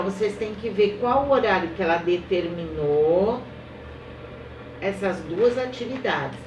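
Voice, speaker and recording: A Brazilian Portuguese woman teaching young children, patiently dictating words one by one and checking in often. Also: medium pitch. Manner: slow, drawn-out word-by-word dictation; patient, explains step by step and checks in with "tá?". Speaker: primary school teacher. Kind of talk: recorded remote lesson for young children. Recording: roomy, a little distant, faint noise.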